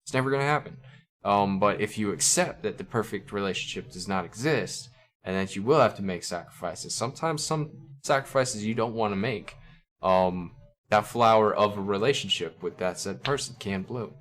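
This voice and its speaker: Man musing aloud, lower-pitched voice. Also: moderate pace, fairly bright tone. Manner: reflective, conversational, frequent fillers and restarts. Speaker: channel host analyzing song lyrics. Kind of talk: casual spoken commentary. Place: indoors at a computer. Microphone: compressor on a desk mic at a computer.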